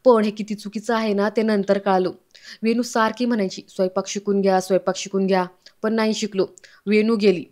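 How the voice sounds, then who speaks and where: A woman's voice: medium pitch, level tone, fairly quick, darkish tone, close to an everyday voice. A woman voicing an older grandfather who talks in a chatty, reflective way as she retells a family serial. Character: grandfather, older man, fond of cooking.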